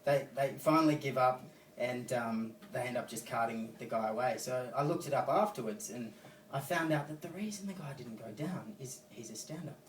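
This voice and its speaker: On a comedy club stage, an Australian man with a medium-pitched voice at normal speed tells a loose, rambling story full of fillers and swearing. It was captured on a phone from the audience, so it sounds roomy, distant and faintly noisy.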